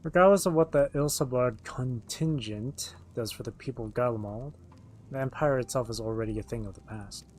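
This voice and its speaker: A man's voice: mid-range voice, brisk, darkish tone. A man streaming a game, reading its written dialogue aloud and acting it out as he goes. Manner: acts out the written dialogue as they read.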